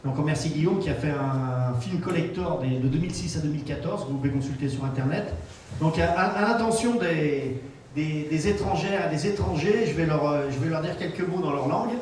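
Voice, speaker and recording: A man acting as master of ceremonies, talking in a playful, self-mocking, halting way. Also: a little high, darkish tone, slight background noise. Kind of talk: event speech. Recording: echoey hall from far off.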